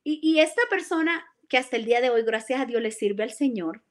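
A woman's voice: on the high side, animated, brisk. A woman giving a live religious testimony, speaking earnestly and emotionally. She often addresses the listener as "brother" and restarts phrases as she recalls events. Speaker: church member giving a testimony.

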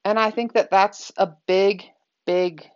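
A woman's voice: mid-range voice, fairly even intonation, takes it slowly, muffled recording. A woman speaking candidly in a reflective personal talk, conversational and full of fillers.

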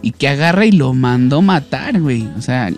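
A Mexican man with a mid-pitched voice tells an old myth as loose, crude banter among friends. His delivery is easygoing and full of slang, with a faint bed of music underneath. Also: lively intonation, normal speed. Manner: crude, slangy, laid-back retelling of a myth. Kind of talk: casual comedic storytelling.

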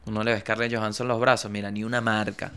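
A man's voice: lowish voice, level tone, fast talker, sharp tone, soft background music. A young man hosting a casual podcast, talking in a playful, slangy, joking way and slipping into little bits and impressions. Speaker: podcast host. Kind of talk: casual comedic podcast chat.

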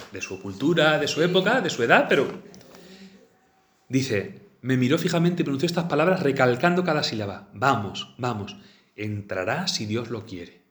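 A man's voice: fairly high pitch, fairly bright tone. Chatty man in a roomy space. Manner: chatty, many fillers and restarts. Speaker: speaker on a saint's life. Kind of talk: storytelling talk mixing reading and comment. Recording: roomy echo.

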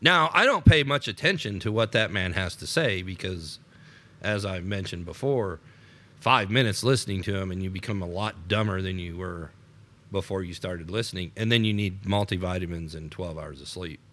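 A man's voice: deep voice, moderate pace, a bit bright. An American man co-hosting an unscripted political podcast, rambling with many repeated starts and laughs. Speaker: podcast co-host.

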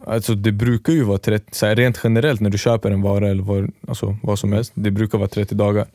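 A man's voice: fairly low pitch, flat delivery, mellow, no echo, studio quality. A man co-hosting a podcast, casually telling a long story and acting out both sides of the dialogue. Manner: rambling storyteller, acts out quoted dialogue. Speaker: podcast co-host. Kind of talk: casual chat.

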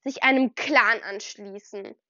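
A woman's voice: mid-range voice, measured pace, sharp tone, no echo, highs cut off, pitched below the performer's own voice. Woman reading as a hot-headed young tomcat. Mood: angry. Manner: angry, huffy. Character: hot-headed young male house cat.

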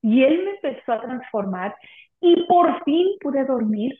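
Her high-pitched, animated voice goes a little slowly as she, a guest, tells an earnest and emotional story of her faith in an interview. The sound is echoey and tinny, as if from a room over a phone line.

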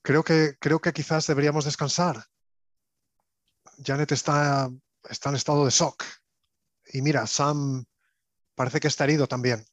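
A man's voice: a little high, fairly even intonation, moderate pace, long pauses, no echo, natural voice. A man doing Chip, an urgent anxious survivor. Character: anxious protective male survivor on a space station.

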